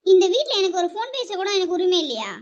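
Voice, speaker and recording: Young woman as a defiant kid sister, high pleading voice, muffled lo-fi audio. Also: big pitch swings, quick pace. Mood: protesting, pleading. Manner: pleading, protesting. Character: defiant teenage sister scolded by her brother. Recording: dull lo-fi recording.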